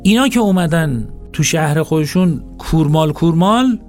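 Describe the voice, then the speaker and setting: Animated man giving a sermon. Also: on the high side, faint music behind. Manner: animated, shifts between recitation and conversational address. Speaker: religious lecturer. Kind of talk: Quranic sermon with colloquial asides.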